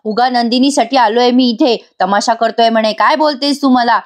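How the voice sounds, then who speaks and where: A proud, hot-tempered middle-aged uncle who scolds loudly at a family function, read out by a woman narrator. The voice sits a little high and he rattles off his complaints quickly. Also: natural voice. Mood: angry. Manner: shouting, scolding.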